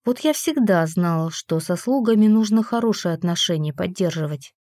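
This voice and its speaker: A woman's voice: fairly low pitch, lively intonation, normal speed, darkish tone, dry recording, studio quality. A woman reading a first-person fantasy story aloud with wry, sarcastic narration. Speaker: audiobook narrator.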